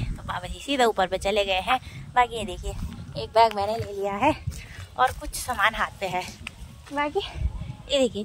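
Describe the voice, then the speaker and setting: A woman's voice: mid-range voice, a bit bright, a little hiss or hum. A young woman in her twenties from Uttarakhand, chatting casually as she narrates her village vlog outdoors on a phone camera held at arm's length. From Uttarakhand, India. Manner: chatty, explains as she cooks and walks. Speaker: village vlogger.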